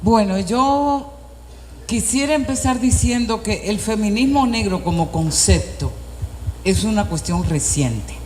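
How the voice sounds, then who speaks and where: A woman from the Republic, speaking on an academic panel in a measured, explanatory way and posing questions she then answers herself. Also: mid-range voice, darkish tone. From Dominican Republic. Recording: echoey hall with faint background noise.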